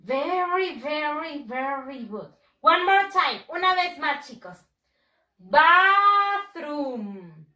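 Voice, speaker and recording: High, lively singsong teacher woman. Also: echoey room, recorded from a distance, rough recording. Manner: slow, sing-song drilling, lots of praise. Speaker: primary school English teacher. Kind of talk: bilingual lesson for young children.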